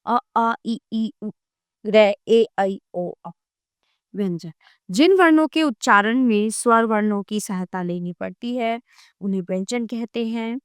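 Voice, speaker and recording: A woman teacher giving a grammar lesson to children, addressing them directly and spelling out sounds slowly one by one. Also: a little high, clean tone, dry recording, studio quality.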